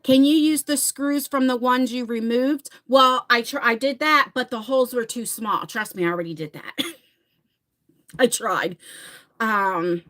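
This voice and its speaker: A woman in her forties from New Jersey, USA hosts a casual live stream, chatting, laughing frequently and responding to viewers by name as she reads their comments. Her voice is on the high side and fairly bright, and she talks a little slowly.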